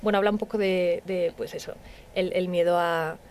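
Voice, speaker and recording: A woman's voice: fairly low pitch, fairly even intonation, normal speed, a little mellow, a little hiss or hum. Hesitant woman musician. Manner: hesitant, many fillers, laughs easily. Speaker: musician guest. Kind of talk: radio interview. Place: radio studio.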